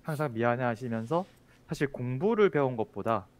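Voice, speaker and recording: Man telling a relaxed story. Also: mid-range voice, a little fast. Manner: relaxed storytelling, many fillers. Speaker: teacher. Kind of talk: casual chat.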